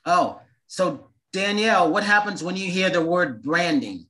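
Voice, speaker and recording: A man's voice: high voice, lively intonation, a little slow, bright, forceful tone, low-quality recording. Upbeat male interview host. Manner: upbeat, repeats his questions. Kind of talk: interview hosting over video call. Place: waiting room.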